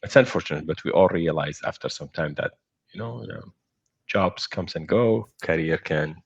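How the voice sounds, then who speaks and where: A man with a very deep, gravelly morning voice speaks as a guest on a video call. He talks in a measured, reflective way, and his voice sounds husky. The audio is muffled. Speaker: guest, startup founder. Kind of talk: casual interview over video call.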